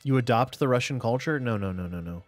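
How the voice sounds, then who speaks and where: A man's voice: mid-range voice, lively intonation, fast talker, dry recording, soft background music. A man streaming a strategy game live, thinking aloud and chatting casually to himself and viewers. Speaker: gaming streamer. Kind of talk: casual live gameplay commentary.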